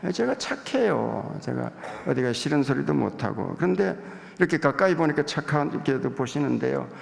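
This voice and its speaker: Lively gravelly male pastor preaching. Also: mid-range voice, moderate pace, in a large hall, slight background noise. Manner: confessional, humorous storytelling. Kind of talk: sermon.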